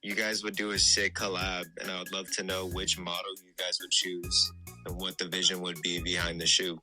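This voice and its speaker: A man's voice: sits low, level tone, moderate pace, sharp tone, faint music behind. A man leaving a listener voice memo, asking his question evenly, played from a device into the mic so it sounds hollow, like through a tube.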